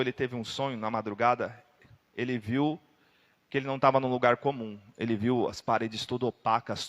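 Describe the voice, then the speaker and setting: Brazilian preacher in a reverberant church hall. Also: male voice, mid-range voice. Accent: Brazilian Portuguese. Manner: dramatic storytelling, loud outbursts. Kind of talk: sermon.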